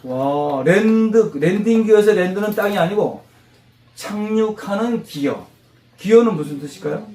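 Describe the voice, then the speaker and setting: A man teaching English vocabulary to a class of mothers, animated, quizzing them and drilling repetition. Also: high voice, moderate pace. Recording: roomy classroom echo.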